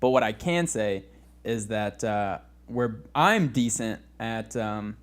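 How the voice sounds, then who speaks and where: A man's voice: on the low side, expressive, takes it slowly. A young man co-hosting a comedy podcast in casual chat, rambling and giggling with lots of restarts. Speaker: podcast co-host.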